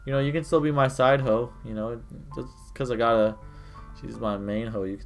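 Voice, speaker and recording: A young man streaming a game, making crude jokes and loud reactions in casual chat. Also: medium pitch, fairly even intonation, normal speed. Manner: joking, crude, reacting loudly. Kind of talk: casual live game commentary. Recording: faint game music behind.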